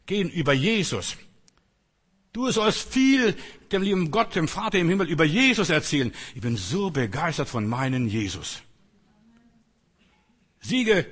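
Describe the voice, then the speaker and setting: Older preacher, earnest and pushy, kinda high and husky. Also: male voice, fairly bright tone. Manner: earnest, emphatic exhortation with rising outbursts. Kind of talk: sermon. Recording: long reverb in a hall.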